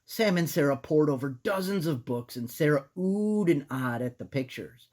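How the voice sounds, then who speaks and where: Husky, low-pitched, very animated woman storyteller. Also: normal speed. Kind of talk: animated children's story narration.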